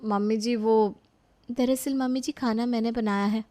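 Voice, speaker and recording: Shy young daughter-in-law, voiced by a woman, quiet and hesitant, a bit high, storybook cartoon. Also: fairly even intonation, moderate pace, close to an everyday voice. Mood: meek.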